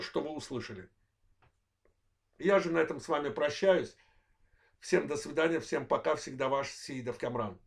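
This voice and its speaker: The host of his own channel, an Azerbaijani man in his forties, delivers political commentary in halting, measured short phrases. His voice sits on the high side with vocal fry, and he apologizes for how worn it sounds.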